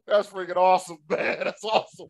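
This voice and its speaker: Hype podcast host guy, high voice, dry close sound, slangy and laughing a lot. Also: steady tone, fairly quick, creaky, no echo. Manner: hyped, upbeat, slangy, laughs often. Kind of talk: casual interview chat.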